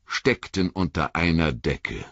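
A man's voice: a bass voice, expressive, a bit bright, no room sound, heavily acted. Gandalf, a man playing a grave old wizard. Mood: cautious. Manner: measured, warning and deliberate. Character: old male wizard, grave, cautious and wise. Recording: dull lo-fi audiobook recording.

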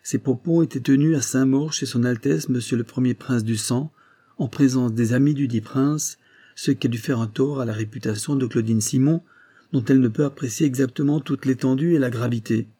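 A man reading aloud, voicing a proud, composed young village woman who pleads her case in formal, measured speech. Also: mid-range voice, dark tone, close to an everyday voice. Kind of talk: audiobook reading.

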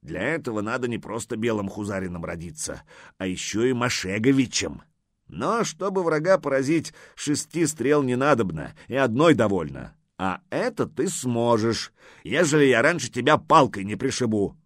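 A gruff, shaggy old grandfather who scolds and mocks with a sly edge, voiced by a male narrator. His voice swings between low grumbles and sharp barks, recorded dry and close. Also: very animated, normal speed, no echo. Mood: grumbling. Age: older.

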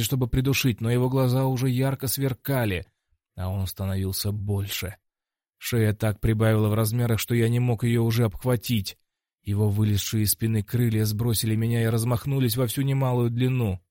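Casting: male audiobook narrator, mid pitch, dry close recording, steady first-person telling. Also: fairly quick, no room sound.

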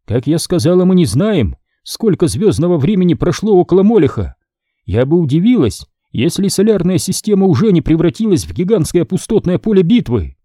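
A man voicing a tense woman navigator on the edge of losing control, talking urgently and sometimes shouting. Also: high-pitched, sing-song, a little fast, no room sound, clean studio sound, pitched above the performer's own voice. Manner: urgent, strained, at times shouting. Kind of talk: audiobook character reading.

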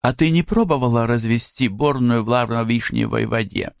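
A man playing a young barmaid, shrill, squealing, pleading, very high, crisp dry audiobook sound. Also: fairly even intonation, moderate pace, darkish tone, no room sound. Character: young barmaid, squealing, giggly, easily disgusted.

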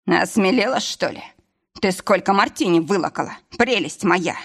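A woman's voice: mid-range voice, expressive, normal speed, vocal fry. A woman reading an audiobook voices an angry, domineering young husband who speaks in curt commands. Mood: commanding.

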